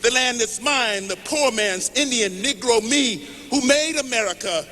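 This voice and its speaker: High-pitched man in impassioned rally oratory. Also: animated, sharp tone. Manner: impassioned rally-speech oratory, declaiming in measured phrases. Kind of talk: poetry recital at a political rally. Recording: noisy large hall with long reverb.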